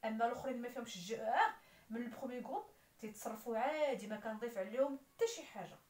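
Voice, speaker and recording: A woman with a Moroccan accent teaches French grammar, spelling out letters and verb endings in a fairly high-pitched voice with a darkish tone. The recording has a roomy echo, and she sounds somewhat far from the mic.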